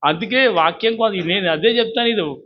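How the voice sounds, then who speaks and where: Fervent high-voiced preaching man. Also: fairly quick, slight background noise. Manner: fervent, urges congregation to repeat after him. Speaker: pastor. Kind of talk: sermon. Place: church service. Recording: dull lo-fi recording.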